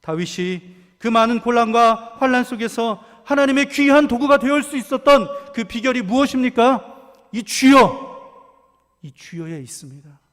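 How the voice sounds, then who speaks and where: Impassioned pastor, high voice, church echo. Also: male voice, expressive, moderate pace. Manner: impassioned, swings from hushed to shouted cries. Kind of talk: sermon. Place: church sanctuary. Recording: long church reverb.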